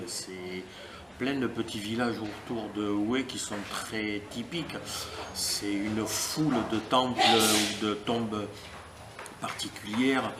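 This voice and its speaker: A middle-aged man from France, answering interview questions in a thoughtful, measured and lyrical way with pauses. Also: fairly low pitch, noisy background. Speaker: interviewee helping at a family guesthouse. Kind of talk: casual interview. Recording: roomy sound with crowd chatter behind.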